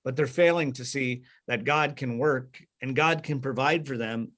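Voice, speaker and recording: Over a video call, a man leads a Bible study group in a mid-range, slightly bright voice at a moderate pace. His explanations are patient but full of "uh"s and restarts, and he frequently pauses to ask his listeners questions.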